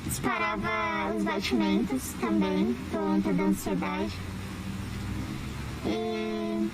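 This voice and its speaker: A woman's voice: mid-range voice, slow pace. A female interviewee whose voice is disguised with a distortion effect, giving short, hesitant answers in a news report. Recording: news clip with loud background noise.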